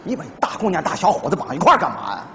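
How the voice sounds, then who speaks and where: A man's voice: on the high side, wildly swooping pitch, fairly bright tone, heavily acted. An actor playing a doting, clueless middle-aged father in a stage comedy sketch, boastful and theatrical. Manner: boastful, theatrical, drawn-out slogans. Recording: reverberant stage hall.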